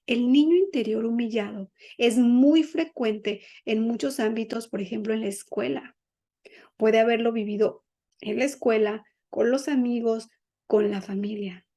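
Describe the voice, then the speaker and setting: Woman, podcast host, earnest gentle teaching tone, pitch sits a bit high. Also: measured pace. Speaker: podcast host teaching on inner-child healing. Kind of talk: reflective teaching talk to the listener.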